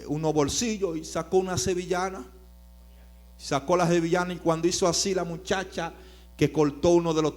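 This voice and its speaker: A man preaching a storytelling sermon, swinging from loud emphatic bursts to quiet narration. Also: on the high side.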